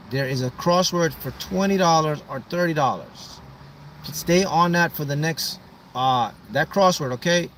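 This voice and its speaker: Halting man reading viewers' energy. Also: fairly bright tone. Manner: halting, restarts often, drops low and slow on closing words. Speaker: livestream host giving psychic readings. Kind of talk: casual livestream reading viewer comments. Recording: voice a little far from the mic, faint background hum.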